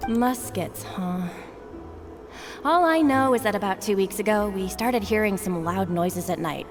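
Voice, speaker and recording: A woman's voice: medium pitch, measured pace, lightly acted. A woman playing a guarded, streetwise townsperson in an anime game dub, talking in a cagey, hesitant way. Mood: wary. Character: guarded, streetwise female townsperson selling information. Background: game music.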